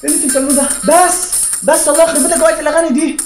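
A man's voice: animated, racing, music in the background. A young man with an Egyptian accent voicing a strict, nagging middle-aged mother in a comedy sketch. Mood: outraged. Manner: shrill, nagging, exasperated. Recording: echoey room.

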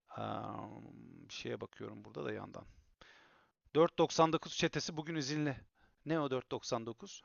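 A man chatting on a home live stream, grumbling to his viewers, then bursting into loud excited shouting. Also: fairly high pitch, vocal fry, dry recording, dull audio. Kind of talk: casual live-stream chat. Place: home room.

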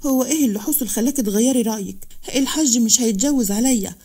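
A woman's voice: on the high side, quick pace, dark tone, husky. A woman voicing a jealous, bitter middle-aged wife, with an Egyptian accent, in a narrated story. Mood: scornful. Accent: Egyptian Arabic. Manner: scornful.

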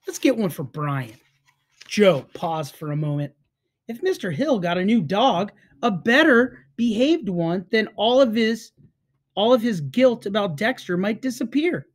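A woman reading a children's book aloud to listeners, with an expressive, unhurried delivery. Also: medium pitch.

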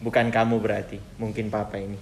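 A man's voice: fairly low pitch, level tone, fast talker, gravelly, a little hiss or hum. A young man, acting out short comic sketches and voicing every character himself. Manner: switches between casual slang voices for each character. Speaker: comedy sketch creator.

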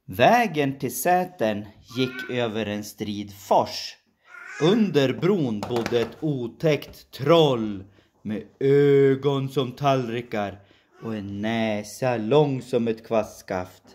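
Storyteller, woman, very low voice, slow deliberate fairy-tale reading with sound effects. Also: animated, a little mellow, a little hiss or hum.

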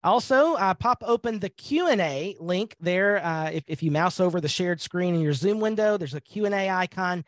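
A man's voice: sits high, lively intonation, normal speed, few pauses, dry recording. A man hosting a live training webinar on a video call, upbeat and conversational, with frequent fillers.

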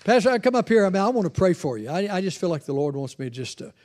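An older man preaching a sermon on a church stage with a handheld mic, animated and acting out the voices he quotes. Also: sits high, quick pace. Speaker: guest preacher.

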